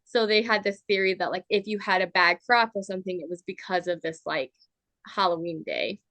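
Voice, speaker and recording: A young woman co-hosting a relaxed podcast conversation, chatty and prone to tangents. Her voice is bright and forward in the mix. The recording is dry and close, with no room echo. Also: on the low side, brisk. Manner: chatty, reads from articles, trails into asides. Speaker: podcast co-host. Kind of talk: casual chat.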